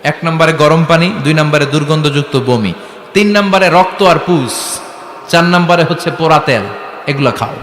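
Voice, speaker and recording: A man's voice: a little high, normal speed, a bit bright, a little hiss or hum. A man preaching a dramatic sermon, asking his audience rhetorical questions. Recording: echoey hall with faint ambience.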